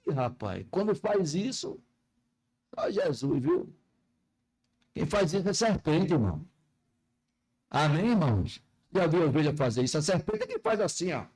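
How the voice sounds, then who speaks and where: A pastor preaching a folksy sermon in church, often asking the congregation questions. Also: male voice, sits high, huge pitch swings, normal speed, pauses often, a little mellow, husky, rough recording.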